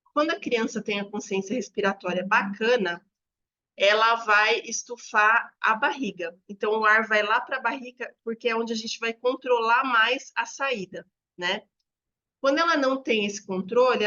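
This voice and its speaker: A woman's voice: fairly high pitch, pushed and bright, dull audio. A woman educator, explaining to teachers and demonstrating examples aloud.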